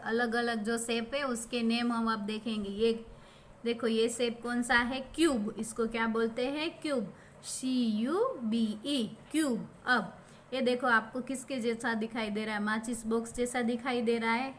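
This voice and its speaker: A woman teacher with an Indian English accent, giving a primary school lesson slowly and patiently, spelling words out letter by letter and asking the class questions. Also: on the high side, fairly even intonation, a little hiss or hum.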